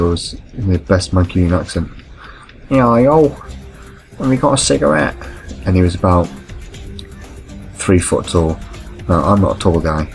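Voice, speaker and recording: A man's voice: low voice, rough recording. A man, telling rambling, self-correcting anecdotes while commenting on gameplay. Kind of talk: casual storytelling over gameplay.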